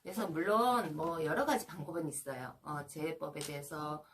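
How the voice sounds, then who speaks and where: A middle-aged woman shaman counselor talking alone on her broadcast, pausing often with filler sounds. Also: deep voice, fairly bright tone, slight background noise. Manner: many filler sounds, slow and hesitant. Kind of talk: solo broadcast talk.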